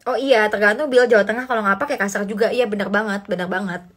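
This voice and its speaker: A young woman from Indonesia hosting a casual phone livestream, chatting and reading out comments in a lively, slangy way with bits of English. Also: medium pitch, quick pace, husky. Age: young adult.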